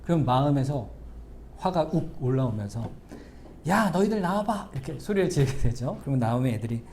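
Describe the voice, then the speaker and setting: A middle-aged pastor preaches a sermon straight to his congregation, alternating loud, emphatic lines with soft asides. His mid-range voice is expressive and quick. A little hiss or hum runs under the recording.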